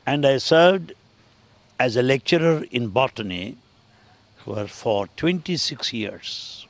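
Older Indian man, interview guest, slow and measured, mid-pitched. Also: animated, dry recording. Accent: Indian English. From Andhra Pradesh, India. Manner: measured, deliberate, spells words out. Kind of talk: calm interview answers in English.

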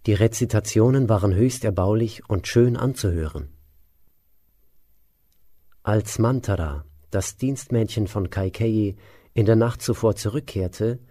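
A man narrating an epic tale in a measured, even reading. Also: lowish voice. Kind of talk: storybook narration.

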